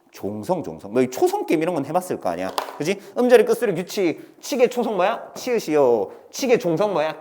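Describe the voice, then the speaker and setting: A male teacher giving an online grammar lecture to students, asking questions and answering them himself in a playful, chatty way. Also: fairly high pitch. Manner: lively, asks and answers his own questions, playful sound words.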